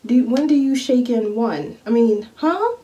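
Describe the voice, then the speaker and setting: A woman's voice: a little high, animated, measured pace, warm tone, far from the mic, lo-fi sound. Blunt, playful young woman vlogging. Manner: blunt, playful, swears freely. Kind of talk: casual chat to camera. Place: at home doing her hair. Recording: home video, voice a bit off-mic, faint noise.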